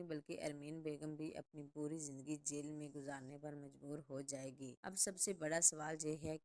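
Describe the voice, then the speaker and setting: A woman's voice: low-pitched, darkish tone. A woman narrating a scripted drama recap in a dramatic, suspense-building way. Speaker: channel narrator.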